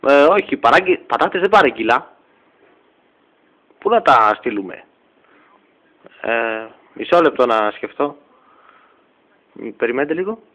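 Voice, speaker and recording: A man's voice: medium pitch, lively intonation, long pauses, a bit bright. A man doing a comic parody dub, switching between many put-on character voices in a teasing way. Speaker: parody voice actor. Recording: dull lo-fi home recording.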